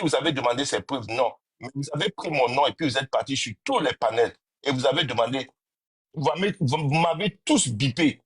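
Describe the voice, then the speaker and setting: Husky man ranting on a live stream, accusatory, rhetorical questions, dry close sound. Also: fairly high pitch, no room sound. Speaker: panel participant in a live stream.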